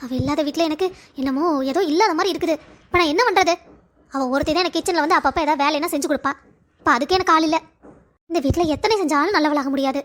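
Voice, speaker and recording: Grumbling cartoon housewife, a mother with a high voice who is worn out and complaining, voiced by a woman. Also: fast talker, fairly bright tone. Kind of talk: cartoon drama voice acting.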